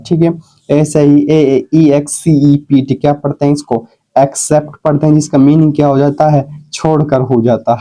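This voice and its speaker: A man's voice: a little high, warm tone, low-quality recording. A man teaching an English lesson, asking and answering his own questions and spelling words out letter by letter. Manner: often adds "theek hai" as a check-in. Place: recorded while scrolling through on-screen notes.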